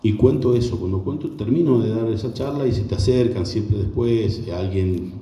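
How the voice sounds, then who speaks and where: A man's voice: lowish voice, normal speed, warm tone, roomy sound, distant mic. A man in his forties with an Argentine accent, giving an earnest personal testimony to an audience, hesitant and repeating words as he reflects. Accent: Argentine Spanish. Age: 40s. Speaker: speaker giving a testimonial talk.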